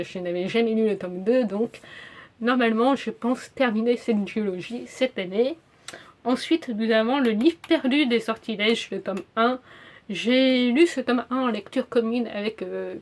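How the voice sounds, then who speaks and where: A young woman chatting casually in a book review vlog, with frequent fillers and self-corrections. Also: mid-range voice. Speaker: book YouTuber.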